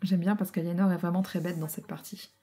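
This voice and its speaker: Soft-spoken husky woman commentator. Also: fairly even intonation. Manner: deliberately soft, low-volume talk; chatty, explains jokes, laughs easily. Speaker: co-host of an audio commentary. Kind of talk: casual chat.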